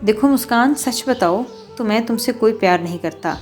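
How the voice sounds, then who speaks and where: A woman's voice: a little high, animated, darkish tone, soft background music, lightly acted. Woman voicing a cold, dismissive young man. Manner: blunt, dismissive.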